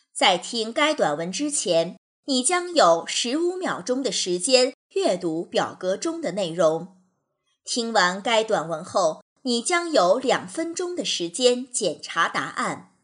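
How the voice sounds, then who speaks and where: A woman reading out exam instructions in a measured, formal way. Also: mid-range voice, a bit bright, breathy edge.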